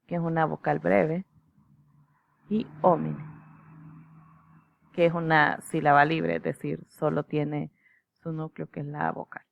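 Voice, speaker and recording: Low, gravelly-voiced woman teaching. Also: level tone, muffled recording. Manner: measured, explanatory, with fillers and "¿verdad?" checks. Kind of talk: recorded lecture on slides.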